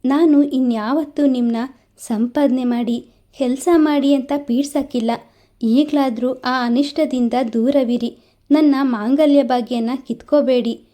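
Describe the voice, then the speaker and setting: A woman voicing a poor young village wife who pleads quickly with her husband in a storybook reading. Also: sits high, fairly even intonation, warm tone. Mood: pleading.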